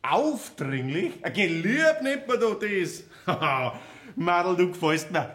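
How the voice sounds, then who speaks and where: A brash farmhand. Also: male voice, sits high, sing-song, slow pace, fairly bright tone, exaggerated voice. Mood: cheeky flirting. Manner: brash, teasing, laughing. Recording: echoey stage with faint noise.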